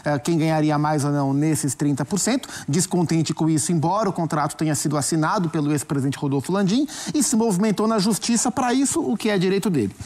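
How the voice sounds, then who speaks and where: In a studio sports debate, a Brazilian man offers his take as a commentator with a Brazilian Portuguese accent. His voice sits on the high side and is a little mellow, and he speaks in a measured way, often restarting phrases as he thinks.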